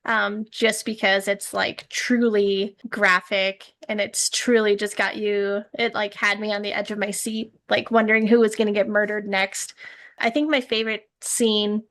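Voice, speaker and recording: A woman's voice: mid-range voice, flat delivery, moderate pace, a bit bright. A woman hosting a casual movie review chat, talkative, laughing often and asking questions. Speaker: host.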